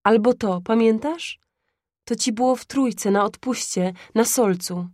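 A woman doing a gentle father, soft and nostalgic, in a dry storybook read. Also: a little high, unhurried, no room sound, natural voice. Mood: tender. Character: tender working-class father reminiscing to his dying wife.

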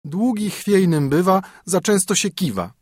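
A haughty young princess from a storybook tale, mocking and sing-song, her voice pitched high and swooping, as a man puts her on. The sound is husky and dry, close to the mic. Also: lively intonation, a little slow, no room sound. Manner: sing-song, scornful rhyming.

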